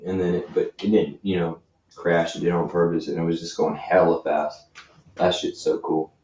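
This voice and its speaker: A man's voice: low voice, little pitch movement, moderate pace, warm tone. A young man co-hosting a podcast in casual, slangy chat with plenty of swearing. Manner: laid-back, swears a lot, slangy. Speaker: podcast co-host. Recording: roomy, distant, dull lo-fi mic with faint hiss.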